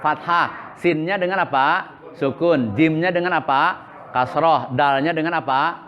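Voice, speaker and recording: A man's voice: fairly high pitch, unhurried, highs cut off. A man teaching a religious school class, asking questions and answering them himself in a repetitive call-and-response way. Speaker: Islamic boarding school teacher.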